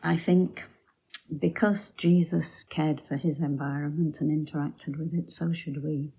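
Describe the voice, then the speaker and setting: A woman giving a Bible teaching talk for her church, telling the story in a deliberate storytelling manner. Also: low voice, fairly even intonation, mellow, slightly rough.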